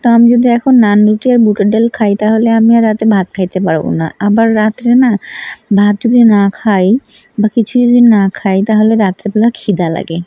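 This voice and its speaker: A woman's voice: medium pitch, fairly even intonation, a little fast, mellow, no echo. A woman vlogger from Rangpur, Bangladesh, chatting in a casual, rambling voice-over and often correcting herself.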